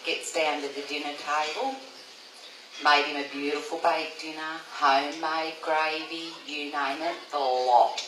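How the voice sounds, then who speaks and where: Woman, storyteller, chatty, laughing, low-ish voice, echoey, distant. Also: fairly even intonation, measured pace. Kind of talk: anecdote told on stage. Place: live event venue. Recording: echoey room from far off, clear background noise.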